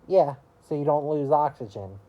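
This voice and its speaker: A vlogger in her early twenties talks casually to camera about her year, rambling and halting and leaning heavily on "you know." The recording sits low, with the highs cut off.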